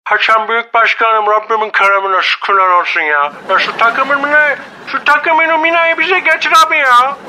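A man playing a fawning, excitable male club official in a radio comedy sketch, gushing and pleading. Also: moderate pace, slight background noise, heavily acted, low-quality recording. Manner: squeaky, gushing, calls everyone 'abi'.

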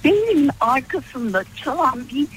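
A woman's voice: sits high, sing-song, moderate pace, a little hiss or hum, rough recording. A woman calling in to a radio show, telling a family story hesitantly with many fillers. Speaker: radio caller. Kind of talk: casual phone-in chat.

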